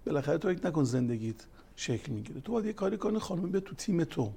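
Guy with a warm gravelly voice giving a religious talk, tells counseling stories, quotes scripture. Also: a little high, sing-song. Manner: storytelling, quoting scripture, grows emphatic. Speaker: family counselor and religious speaker.

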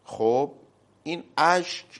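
A man giving a religious talk, quoting Arabic phrases slowly with emphasis and acting out short stories. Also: fairly high pitch. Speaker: cleric.

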